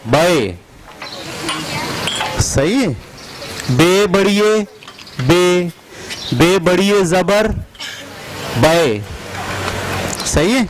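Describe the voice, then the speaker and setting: A man's voice: high-pitched, animated, extremely slow, pauses often, background noise. A man giving a classroom lesson, drilling sounds by spelling them out letter by letter and repeating words. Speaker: teacher trainer. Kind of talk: classroom instruction.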